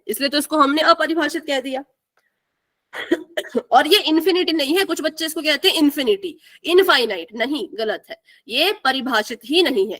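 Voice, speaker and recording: A woman's voice: sits high, a bit bright. A young woman teaching a live online math class, asking the students questions and repeating the key answers.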